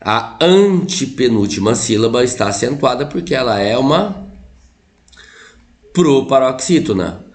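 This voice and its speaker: A man's voice: mid-range voice, measured pace. A man teaching a Brazilian Portuguese grammar lesson, pointing things out on the board and checking in with his students after nearly every phrase. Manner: lively, keeps checking in with "tá?" and "ó". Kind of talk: online grammar lesson at a whiteboard.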